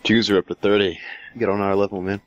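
Casting note: deep-voiced man, casual gamer banter, teasing over voice chat. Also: flat delivery, quick pace, no room sound. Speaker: co-op player.

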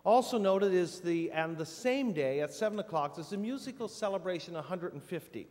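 A man giving casual church announcements from the front of a sanctuary, halting with many fillers. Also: sits high, lively intonation, a little mellow. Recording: long reverb in a church hall.

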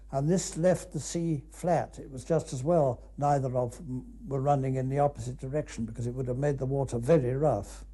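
Here the older British canoeist reminisces about his expedition off the cuff, as conversational film commentary with short, thoughtful asides. His pitch sits on the high side and his tone is warm.

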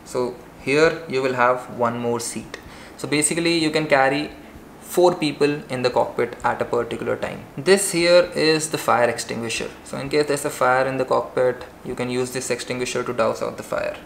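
A young male pilot giving a brisk, plain cockpit tour in an explanatory vlog, filmed indoors at home on a camera in front of him. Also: mid-range voice, vocal fry. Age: young adult. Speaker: airline pilot. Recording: roomy with faint background hiss.

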